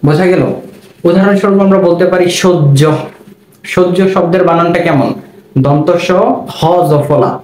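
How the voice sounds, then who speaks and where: A man's voice: on the high side, normal speed, pauses often, a little mellow. A man teaching a spelling and pronunciation lesson, saying each sound twice and asking the listener questions. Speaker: Bengali language teacher. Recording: roomy with faint background noise.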